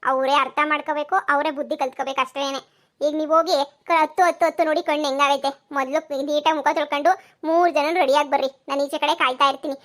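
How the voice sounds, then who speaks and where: Woman voicing a soothing young cartoon daughter-in-law, high fast delivery. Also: fairly even intonation, a bit bright. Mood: cheerful. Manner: soothing, reassuring. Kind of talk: cartoon voice acting.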